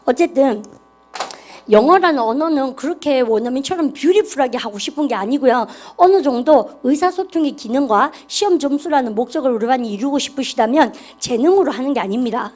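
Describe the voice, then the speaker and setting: A woman with a high-pitched, expressive, slightly mellow voice talks a little fast while teaching an English grammar class. She encourages her students, leads them through repetitive call-and-response drills, and refers to herself as 쌤 during the lecture.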